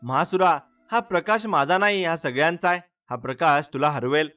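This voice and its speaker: A man's voice: on the high side, moderate pace, a bit bright, natural voice. A man playing a brave young village hero in a storybook tale, speaking in a firm, resolute voice. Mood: rallying.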